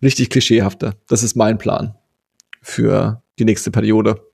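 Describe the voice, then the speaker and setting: A man's voice: lowish voice, little pitch movement, unhurried, vocal fry, darkish tone, husky, no room sound, clean studio sound. A man co-hosting a podcast, chatting casually and rambling with many fillers and restarts. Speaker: podcast co-host.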